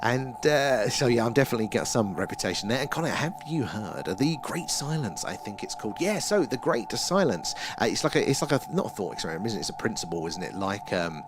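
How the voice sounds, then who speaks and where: This livestream host has an Essex accent and a fairly low voice, and he talks very fast and animatedly, barely pausing, with noise in the background. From a small room at home he answers viewers' comments in a rambling, self-deprecating manner.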